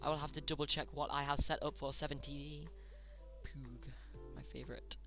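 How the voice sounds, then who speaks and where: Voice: mid-range voice, level tone, fairly quick, gravelly, bright, forceful tone, soft background music. A streamer casually hosting a chat game live, chatty and often tripping over words.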